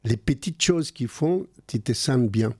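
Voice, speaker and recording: A man's voice: medium pitch, animated, a little slow, dark tone, slightly rough, no echo, studio quality. An older man with a heavy non-native French accent, talking earnestly in a casual conversation and often repeating words while he looks for the phrasing.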